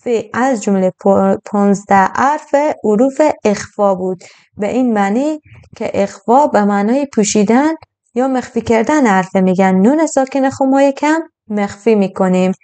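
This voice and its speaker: A woman, teaching Quran recitation step by step. She explains patiently and draws out the recited verses slowly. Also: mid-range voice, mellow, clear, resonant tone.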